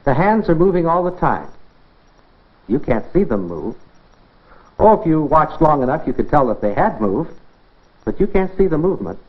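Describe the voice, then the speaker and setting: On a dull, band-limited 1950s film soundtrack, an American man presents instructive science material in a scripted style, addressing the viewer with rhetorical questions. His voice is a little high, with big pitch swings, a moderate pace and frequent pauses.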